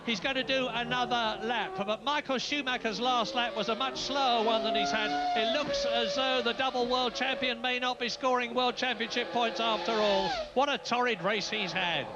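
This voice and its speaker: A man calling a motor race live on television, briskly giving positions and lap counts, heard from a worn VHS tape copy. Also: extremely high pitch, fairly even intonation. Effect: worn VHS tape copy of a TV broadcast. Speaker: lead race commentator. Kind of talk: live motor racing commentary. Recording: muffled, hissy worn videotape.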